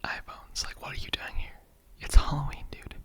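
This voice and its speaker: The tone is sharp and the pace brisk as a performer voices a relaxed, somewhat offended skeleton in a whispered ASMR roleplay, chatting in a rambling, slang-heavy manner.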